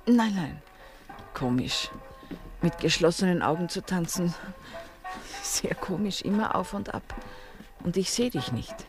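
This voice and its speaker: A fragile dreamy young woman in a radio play, talks real slow, kinda low voice. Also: animated, over music.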